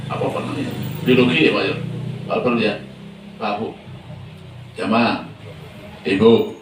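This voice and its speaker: Preacher in a very echoey hall. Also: male voice, fairly low pitch, a bit bright, far from the mic, slight background noise. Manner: chatty, asks the congregation many questions. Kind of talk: casual sermon.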